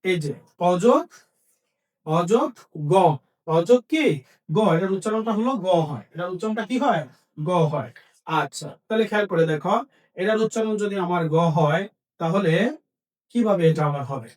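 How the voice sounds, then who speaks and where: A man's voice: high-pitched, lively intonation, normal speed, long pauses, a little mellow, far from the mic. A man teaching a language lesson, asking questions and then answering them himself, repeating each key point. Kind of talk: Bengali grammar lesson.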